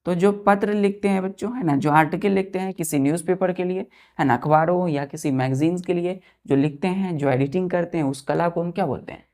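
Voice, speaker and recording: A woman's voice: lowish voice, a little fast, hardly any pauses, a little mellow. A woman teaching a vocabulary lesson, spelling words letter by letter and patiently repeating them for children.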